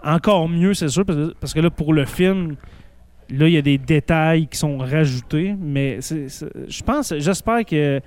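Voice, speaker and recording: A man's voice: a little high, unhurried, darkish tone, clean tone. A man with a Québécois accent hosting a casual chat, rambling with many false starts and fillers. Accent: Québécois French.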